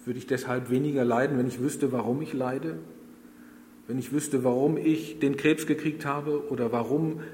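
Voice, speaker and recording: A man preaching a sermon in a slow, earnest manner, addressing his congregation directly. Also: medium pitch, fairly even intonation, a little mellow, echoey room, big-room sound, a little hiss or hum. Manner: slow, earnest delivery with long pauses.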